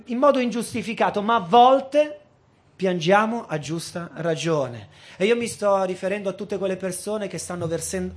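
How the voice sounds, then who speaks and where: A man in his thirties preaching a sermon, earnest and emphatic, slowing down to stress key words. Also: high voice. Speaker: guest preacher.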